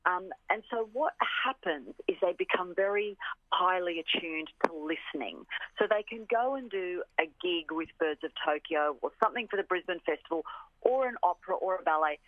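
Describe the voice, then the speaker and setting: Over a tinny, band-limited phone connection, an orchestra representative gives a radio interview at normal speed in a fairly low voice. She sounds eager and emphatic, often repeating herself for emphasis, and the recording is dry.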